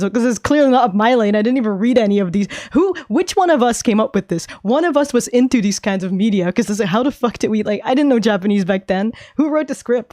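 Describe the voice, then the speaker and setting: A woman's voice: a little high, darkish tone, no room sound, studio quality. A young adult woman streaming casual chat, rambling, giggling often and swearing freely. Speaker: VTuber streamer.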